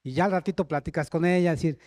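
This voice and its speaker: A man's voice: fairly high pitch, unhurried, a little mellow, no echo, studio quality. A man preaching a sermon, often checking in with the congregation and calling for amens.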